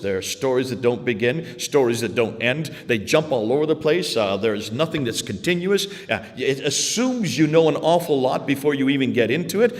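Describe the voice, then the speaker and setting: Man speaking in a reverberant hall. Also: medium pitch. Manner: conversational, asks the audience questions. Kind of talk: public talk to a church audience. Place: large hall with long reverb.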